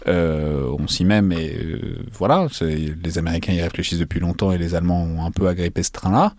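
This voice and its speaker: A man's voice: low-pitched, fairly even intonation, fairly quick, darkish tone, no room sound. A man hosting an interview podcast, who casually sums up points and hands over questions to guests. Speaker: podcast host. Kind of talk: conversational interviewing.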